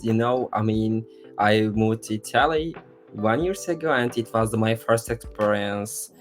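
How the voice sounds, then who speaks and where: Turkish-accented man, chatty podcast guest. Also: fairly low pitch. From Turkey. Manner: leans on "I mean" and "to be honest", loose non-native phrasing. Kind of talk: casual podcast conversation.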